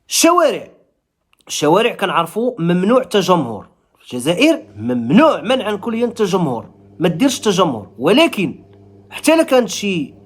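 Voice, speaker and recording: Speaking to viewers in a relaxed, offhand way, this man from Morocco has a high voice and a Moroccan accent. He drives his points home by emphatically saying things more than once.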